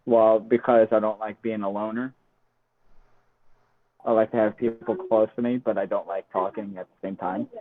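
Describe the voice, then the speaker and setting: A man, a podcast guest, giving quiet, thoughtful answers in a casual chat. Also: on the low side, flat delivery, moderate pace. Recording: phone-like call audio.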